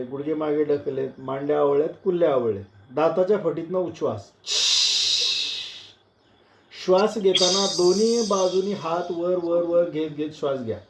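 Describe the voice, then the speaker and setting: A man leading an online breathing and posture class, counting slowly and giving calm step-by-step cues that drop soft and low. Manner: slow, counting cues, voice dropping soft and low when calming. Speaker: yoga and breathing instructor. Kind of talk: guided breathing exercise instruction. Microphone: video call. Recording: roomy, dull lo-fi online class audio.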